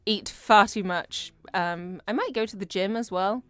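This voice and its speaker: A woman's voice: medium pitch, a little slow, smooth, no echo. Chatty young woman from the UK. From United Kingdom. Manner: chatty, laughs often, swears. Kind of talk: casual chat.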